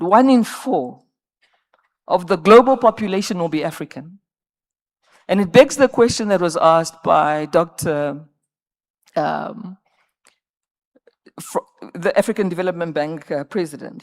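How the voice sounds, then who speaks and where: Woman panelist in her fifties with a gravelly edge and an emphatic, rallying conference delivery. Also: lowish voice. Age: 50s. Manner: emphatic, rallying, repeats words when searching. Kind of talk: panel discussion remarks. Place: conference stage.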